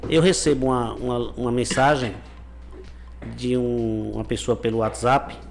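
A man, a mayor telling stories in a relaxed interview, with casual slang. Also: medium pitch, moderate pace, gravelly. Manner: chatty storyteller, casual slang. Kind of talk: conversational interview answers.

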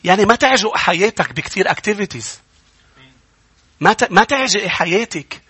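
A man with a Lebanese accent preaching a Bible-school sermon, emphatic, building to loud peaks and then dropping low. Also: animated, moderate pace, husky, dry recording. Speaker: pastor.

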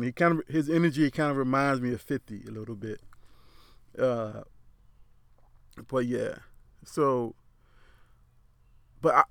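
A man's voice: medium pitch, fairly bright tone, no room sound. Man with a lisp, rambling opinions. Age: adult. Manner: rambling, repeats words, frank and opinionated. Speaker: commentator. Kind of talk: casual opinion monologue.

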